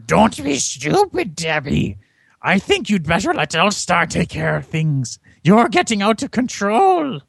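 A woman's voice: mid-range voice, big pitch swings, a little slow, gravelly, breathy edge, no echo, exaggerated voice. A woman voicing a cold, scornful witch who speaks in cutting, dismissive lines.

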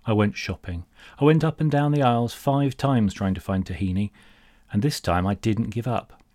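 A British man with a fairly low voice performs a humorous monologue. He rants with exasperated sarcasm and grandiose, mock-pompous phrasing. The sound is close and dry. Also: normal speed, a little mellow, no echo. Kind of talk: comedic rant monologue.

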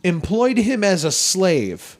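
A man's voice: sits high, sing-song, slow. A man co-hosting a podcast, chatting casually, joking and laughing often. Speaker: podcast co-host. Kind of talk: casual chat.

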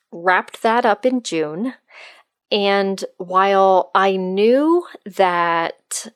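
A woman's voice: medium pitch, no room sound, clean studio sound. A middle-aged woman hosting a solo podcast, speaking to listeners in an open, friendly manner. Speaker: podcast host and life coach.

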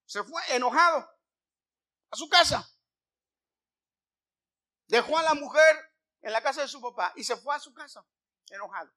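A man preaching a sermon, retelling a Bible story in a lively way and putting questions to his listeners. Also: very high voice, normal speed, long pauses. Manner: animated, asks the listeners questions.

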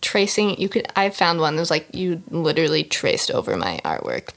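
A woman who is an artist, a guest on a casual podcast, talking in a relaxed way. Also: sits low, fairly quick, creaky.

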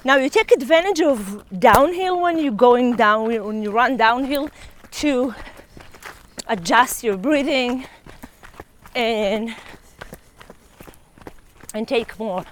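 A woman coaching a runner outdoors on a hilly trail, giving steady, encouraging instructions. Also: a little high, slow, long pauses, a little hiss or hum. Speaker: running coach. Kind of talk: coaching on the run.

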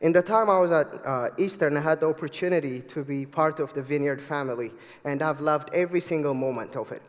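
The sound is big-room, filling a church sanctuary where a guest preacher in his twenties addresses the congregation. Originally from Ethiopia and carrying that accent, he talks fast in a slightly high voice, with earnest eagerness.

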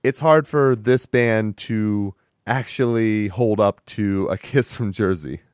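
A podcast host with a hoarse, raspy voice strained by illness leads a casual chat, rambling and laughing often. His voice is fairly low, slow and darkish, recorded at studio quality with no room sound.

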